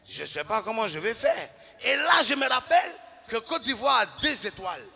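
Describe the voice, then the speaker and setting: A man from Ivory Coast with an Ivorian French accent doing an animated stand-up routine on stage, acting out characters and shouting punchlines. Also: very high voice, moderate pace, gravelly, slightly rough. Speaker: stand-up comedian.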